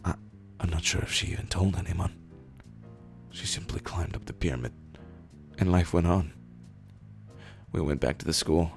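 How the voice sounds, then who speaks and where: Faint music plays behind a man reading internet posts as short stories. His delivery is unhurried, low and dramatic, stretched out with pauses, and his voice is raspy and rumbly with gravelly fry after days of screaming.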